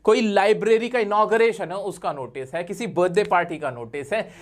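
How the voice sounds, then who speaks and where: Animated male teacher coaxing students. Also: sits high, moderate pace. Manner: animated, coaxing, asks rhetorical questions; playful, teasing. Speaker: English teacher. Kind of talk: classroom-style exam lesson.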